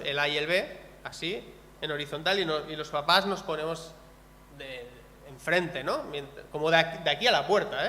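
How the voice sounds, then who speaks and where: A man's voice: on the high side, bright, forceful tone, a little hiss or hum. A man, preaching a conversational sermon and ending in prayer. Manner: conversational, telling a personal story, ending in prayer. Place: church hall. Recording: long hall reverb.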